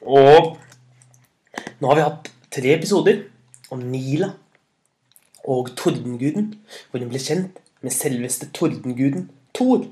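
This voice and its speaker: A man narrating a children's storybook tale, animated, with sudden loud emphatic words and slow drawn-out phrases. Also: mid-range voice.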